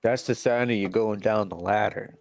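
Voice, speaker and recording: A man's voice: lowish voice, steady tone, normal speed, a little mellow. Sarcastic man riffing over gameplay. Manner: sarcastic, reads game text aloud. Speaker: let's play co-host. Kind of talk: casual gameplay commentary. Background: game music.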